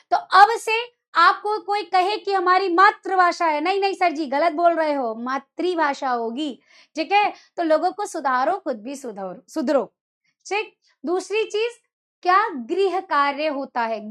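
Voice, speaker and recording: Chatty high-pitched woman Hindi teacher. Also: a bit bright. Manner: chatty, scolding-teasing, addresses students as beta and bhaiya. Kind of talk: online exam-prep lecture.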